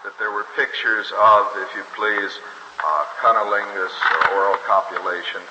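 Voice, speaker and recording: Low-voiced male lawyer, halting courtroom argument, old hissy archival recording. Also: fairly even intonation. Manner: halting, with hesitant fillers. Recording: noisy 1970s courtroom recording.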